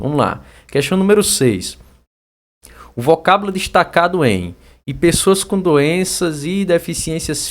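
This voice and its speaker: A young Brazilian man runs a chatty exam-prep grammar lesson, his voice sitting a bit high. His pitch swings widely as he talks, and he sometimes calls out a word loudly to show the stress. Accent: Brazilian Portuguese. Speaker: teacher.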